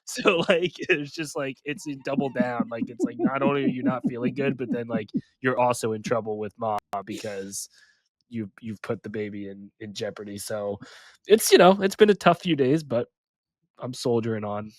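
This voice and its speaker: A man's voice: mid-range voice, moderate pace, no echo. A man in his thirties with a stuffy head cold, co-hosting a sports podcast in casual, self-mocking chat with frequent laughs. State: sick with a head cold, nasal. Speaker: podcast co-host.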